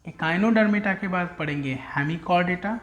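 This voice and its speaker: A male teacher giving a classroom lecture, drilling terms by slow repetition and calling students "beta". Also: high voice, fairly bright tone, echoey room, dull audio.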